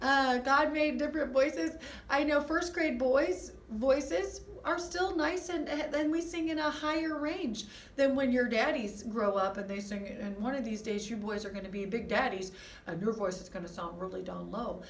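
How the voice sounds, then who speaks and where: A woman music teacher giving an online lesson to first graders, animated and sing-song as she chats with them and brings out puppets. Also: sits high, normal speed, roomy sound, distant mic, slight background noise.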